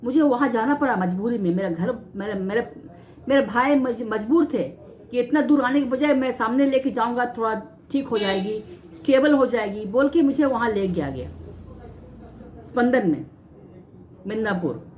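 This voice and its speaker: A woman vlogger telling a personal story to camera, aggrieved and halting, often repeating and restarting words. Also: on the high side, animated, a little mellow. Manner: aggrieved, recounting mistreatment.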